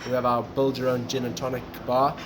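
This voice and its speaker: A man from Malawi, a guest talking casually about his tourism business, relaxed and saying "um" and "look" a lot. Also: mid-range voice, brisk. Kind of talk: casual interview talk. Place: coffee shop. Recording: noisy coffee shop background.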